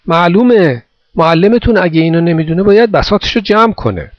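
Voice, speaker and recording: A man's voice: fairly high pitch, expressive, dry recording, voice pushed up. A man doing a kindly, coaxing old man. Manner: gentle, coaxing delivery. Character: bow-legged old man, kindly and reassuring. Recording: dull dry recording.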